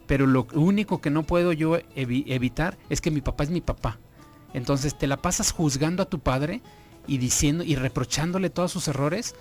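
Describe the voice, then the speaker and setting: A man's voice: fairly high pitch, normal speed, a little mellow, faint music behind. A man speaking as a guest on a radio talk show, explaining earnestly and asking many rhetorical questions. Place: radio studio.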